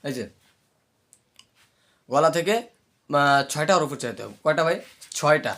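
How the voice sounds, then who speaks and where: Man teaching letter sounds, halting slightly. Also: a little high, fairly bright tone. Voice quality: slight speech hesitancy, words catch. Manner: repeats letters aloud and checks understanding often. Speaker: teacher of Arabic letter pronunciation. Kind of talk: spoken lesson drilling letter sounds.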